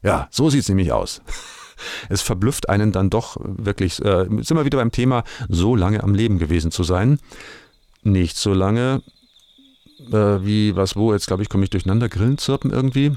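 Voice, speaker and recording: Creaky-voiced middle-aged man hosting music radio. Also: on the low side, expressive, moderate pace, darkish tone, dry recording, studio quality. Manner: self-ironic, digressive, colloquial. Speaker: radio music show host. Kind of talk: casual rambling music presenting.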